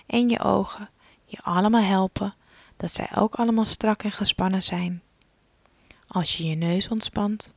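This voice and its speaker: A woman talks through a relaxation exercise at a very unhurried pace, calm and gentle. She often sinks into a soft whisper. The sound is close and dry, with no room around it. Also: mid-range voice, dry recording. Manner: slow, soothing instructions, often dropping to a soft whisper. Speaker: relaxation guide for children.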